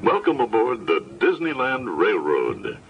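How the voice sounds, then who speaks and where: A man's voice: mid-range voice, wildly swooping pitch, unhurried, distant mic, soft background music. Folksy PA tour narrator man. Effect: over a PA system. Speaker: train ride narrator. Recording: muffled onboard loudspeaker with noise.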